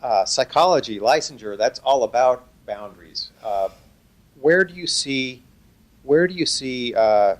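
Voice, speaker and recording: A man moderating a question session, speaking haltingly and restarting his phrases as he puts a question together. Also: medium pitch, lively intonation. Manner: halting, repeats phrase openings. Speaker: moderator relaying audience questions. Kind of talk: unscripted question-asking at a talk.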